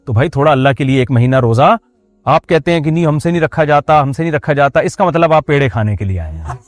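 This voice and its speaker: A man's voice: a little high, no room sound. A man preaching a religious sermon in a conversational way, with joking asides to the audience. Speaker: Islamic preacher.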